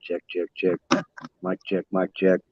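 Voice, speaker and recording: A man's voice: low-pitched, monotone, measured pace, noisy background. A man calling in as a guest on a casual panel chat, his voice coming through fuzzy and distorted from a phone, musing bluntly. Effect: fuzzy distorted muffled call audio. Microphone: phone resting on a pad. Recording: muffled, distorted lo-fi phone call.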